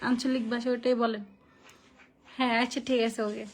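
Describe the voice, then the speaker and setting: A woman's voice: fairly high pitch, level tone, fairly quick. A young woman with a Noakhali Bengali accent, hosting a casual live stream and chatting through viewers' comments, thanking people by name. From Noakhali, Bangladesh.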